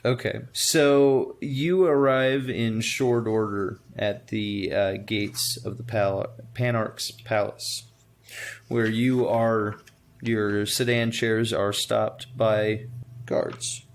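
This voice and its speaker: Slow, halting man running a tabletop game. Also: fairly low pitch, fairly even intonation, a little hiss or hum. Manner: halting, pieced-together narration. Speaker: game master. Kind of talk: narrating a tabletop roleplaying game.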